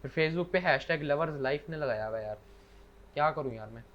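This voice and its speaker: He's a brisk, higher-voiced man co-hosting a podcast, heard over a dull lo-fi online call with faint noise. The talk is casual chat punctuated by recited couplets.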